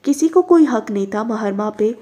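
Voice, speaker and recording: A woman reading aloud, voicing a bitter, obsessed young woman who shouts her grievances in pain. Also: a little high, moderate pace, natural voice. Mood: bitter shouting.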